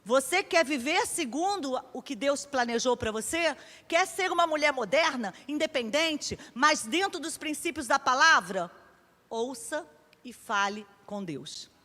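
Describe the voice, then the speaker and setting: A woman's voice: high voice, lively intonation, a little slow, bright, forceful tone, big-room sound. A woman pastor with a Brazilian Portuguese accent preaching a sermon, telling stories in a conversational way and acting out the dialogue.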